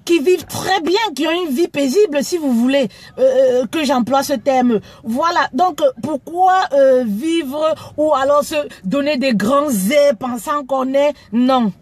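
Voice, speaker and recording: Speaking at a measured pace with hardly any pauses, a Cameroonian live streamer talks candidly in a relaxed video. Her voice is high-pitched, and she stammers, frequently repeating herself.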